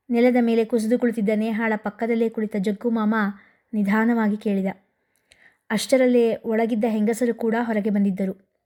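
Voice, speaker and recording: A woman reading a romantic story aloud in a measured, expressive way. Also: fairly high pitch. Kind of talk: scripted story narration.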